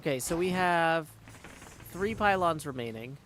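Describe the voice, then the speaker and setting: Over the game's music, a streamer offers relaxed live commentary in a fairly high, bright, animated voice at a measured pace. He muses aloud and now and then sings short tunes to himself, with slight background noise present.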